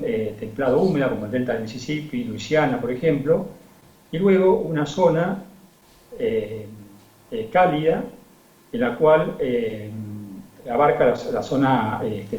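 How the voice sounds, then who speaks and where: A man with an Argentine accent giving a technical presentation over a video call, measured and full of hesitant fillers. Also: medium pitch, darkish tone. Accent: Argentine Spanish. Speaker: agronomy researcher. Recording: muffled video call in a roomy space.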